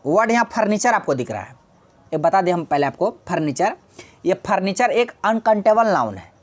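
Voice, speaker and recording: A woman's voice: medium pitch, very animated, normal speed. A woman teaching an exam-prep English lesson, explaining patiently, repeating key words and answering her own questions.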